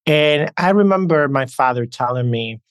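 A man's voice: fairly high pitch, expressive, moderate pace, no echo. A man from the Dominican Republic, a podcast guest, talking earnestly and reflectively through personal anecdotes. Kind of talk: conversational interview storytelling.

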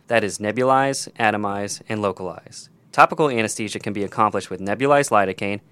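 A man's voice: fairly low pitch, a bit bright, smooth. A man co-hosting a scripted emergency medicine teaching podcast, explaining procedures in detail, step by step.

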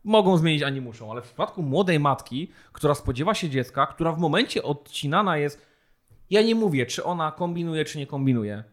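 A man arguing his point on a podcast with rising indignation and plenty of emphasis. His voice sits a little higher than most men's, and his delivery is colloquial, blunt and heated. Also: animated, fairly quick, fairly bright tone. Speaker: podcast co-host. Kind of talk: heated casual podcast discussion.

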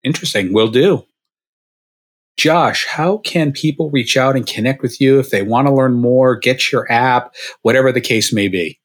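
A man hosts an interview podcast with a plain, mid-pitched voice. He keeps his turns short and upbeat, thanking the guest and steering toward the close. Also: normal speed. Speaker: podcast host. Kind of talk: interview chat.

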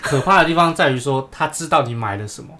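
A man's voice: mid-range voice, expressive, fast talker, bright, forceful tone. A man with a Taiwanese Mandarin accent, chatting casually and cutting in with dry, teasing remarks. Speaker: podcast co-host. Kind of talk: casual chat.

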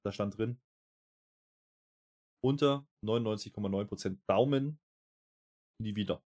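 A man co-hosting a casual wrestling recap, dry and joking, dropping low for asides. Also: measured pace, a little mellow. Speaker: podcast co-host.

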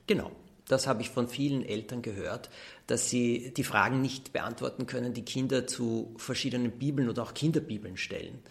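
A man's voice: medium pitch, normal speed, gravelly. A man from Austria, a children's book author being interviewed, explaining ideas thoughtfully. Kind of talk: interview answers.

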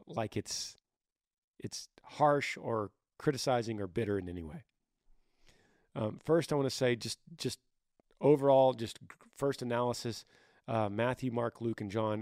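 Raspy, gravelly-voiced man, dry close sound. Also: mid-range voice, a little mellow, no echo. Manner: earnest, brotherly, careful hedging with restarts. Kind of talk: reading a listener's email and replying with informal advice.

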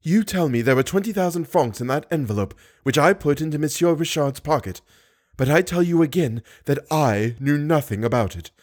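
Man putting on a shrill outraged old woman. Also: animated, moderate pace. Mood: self-righteous. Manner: indignant, yelping. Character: shrill angry old woman box keeper.

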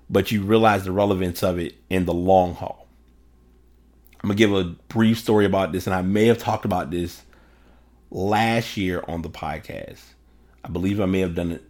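A man with a fairly low voice hosts a solo podcast into a desktop microphone. He talks casually and loosely, doubling back and correcting himself as he goes. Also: a little mellow. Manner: conversational, rambling with restarts and self-corrections. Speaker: podcast host. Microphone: desktop USB microphone.

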